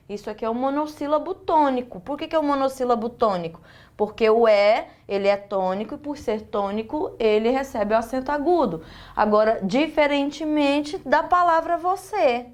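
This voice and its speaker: Woman, Brazilian accent, teacher, slightly high voice, patient step-by-step explaining. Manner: explains step by step, asks and answers her own questions, many fillers. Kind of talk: recorded online lesson.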